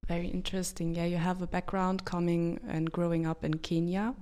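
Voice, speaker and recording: A woman hosting a conversation, asking her guest questions at a calm, unhurried pace. Her voice is lowish and stays level, with very little rise and fall. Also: clean tone. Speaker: host, interviewer. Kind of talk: interview questions.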